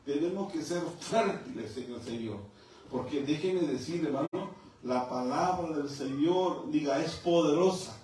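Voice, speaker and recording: A man's voice: on the high side, a little slow, a little mellow. Middle-aged male preacher, fervent sermon, roomy echoing church sound with faint background noise. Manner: fervent, addresses listeners as brother. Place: church hall. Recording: echoey hall from far off, faint noise.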